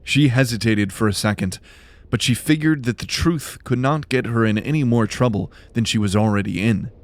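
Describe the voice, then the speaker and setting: Over background music, a medium-pitched male voice reads scripted fantasy fiction dramatically at normal speed. The voice recording itself is dry.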